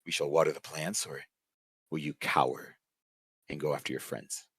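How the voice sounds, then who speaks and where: A man's voice: a bass voice, steady tone, normal speed, a bit bright, husky, pitched below the performer's own voice, exaggerated voice. A man voicing a giant male warrior foe who taunts in a formal way. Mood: taunting.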